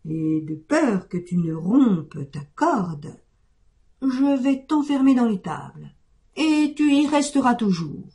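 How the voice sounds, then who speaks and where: A woman voicing a worried, kindly old male goat farmer who pleads and exclaims loudly. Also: fairly high pitch, big pitch swings, takes it slowly, full character voice. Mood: alarmed.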